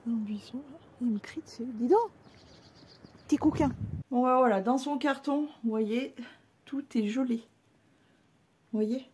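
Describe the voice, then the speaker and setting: A woman chatting casually to her viewers in a vlog, outdoors in a cold yard with her animals, sometimes switching to high, cooing baby talk toward them. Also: moderate pace, long pauses, darkish tone, a little hiss or hum. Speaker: vlogger.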